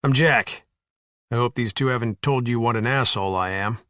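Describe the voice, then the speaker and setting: A man's voice: mid-range voice, normal speed, a bit bright, no room sound, close to an everyday voice. A man voicing a tough ex-soldier in an audiobook, blunt and teasing in a dry way. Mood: wry teasing. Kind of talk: audiobook character voice.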